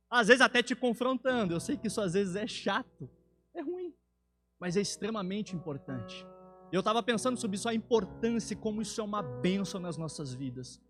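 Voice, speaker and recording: A man with a fairly high voice and a Brazilian Portuguese accent delivers an earnest sermon in a church. He builds toward emphatic, louder peaks. Soft instrumental music plays faintly behind him. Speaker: preacher.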